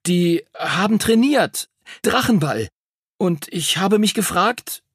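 A man voicing an eager, scatterbrained boy who rushes his words and stammers when nervous. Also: a little high, very animated, slightly rough, dry recording, studio quality, pitched above the performer's own voice, heavily acted. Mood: hesitant.

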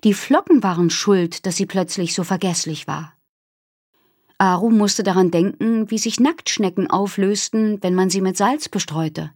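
A woman narrating a children's novel in an expressive storytelling manner. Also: mid-range voice, unhurried, no room sound, clean studio sound. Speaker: audiobook narrator. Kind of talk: scripted narration.

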